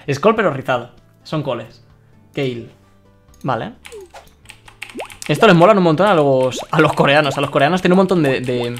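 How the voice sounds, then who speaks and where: A young man from Spain chatting excitedly while streaming a game and reading his chat aloud. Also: fairly high pitch. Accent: Spain Spanish. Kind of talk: live-streamed gameplay commentary.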